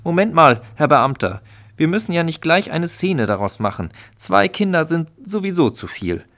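A man voicing a bossy, blustering male sparrow who snaps loudly at everyone. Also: a little high, very animated, moderate pace, voice pushed up. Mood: flustered. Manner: snappish and loud.

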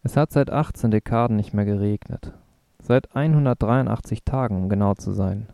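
A man reading as a sober, worried ecologist from a storybook, stating dry facts seriously. The voice is low and dark with a gravelly edge. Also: moderate pace, no echo.

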